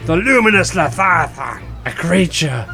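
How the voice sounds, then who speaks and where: A man's voice: fairly high pitch, sing-song, unhurried, sharp tone, pitched above the performer's own voice, heavily acted. A man voicing a grizzled old male sea captain who loves strong liquor, growling like a pirate. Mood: storytelling. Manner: gruff pirate-style growls and bellowing.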